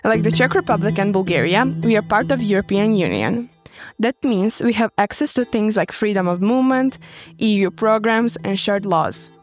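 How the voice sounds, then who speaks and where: A woman's voice: mid-range voice, lively intonation, moderate pace, faint music behind. A young woman from Croatia, reading a scripted statement evenly.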